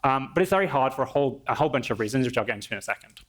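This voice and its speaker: A man presenting a live software demo on a conference stage, explaining in a conversational way with frequent restarts. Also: mid-range voice, expressive, racing. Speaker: engineer presenting a product demo.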